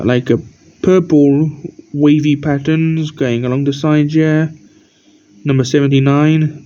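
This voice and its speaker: A tired man who keeps yawning gives a rambling, halting show-and-tell of his toy collection as the channel host, pointing out details one by one. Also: on the high side, mellow. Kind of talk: casual show-and-tell narration. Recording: dull lo-fi recording.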